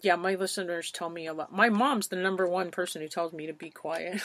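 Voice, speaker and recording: A woman's voice: lowish voice, steady tone, a little fast, fairly bright tone, dry recording. A woman hosting a podcast, talking in a chatty, rambling way and laughing often. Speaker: podcast host. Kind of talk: casual interview chat.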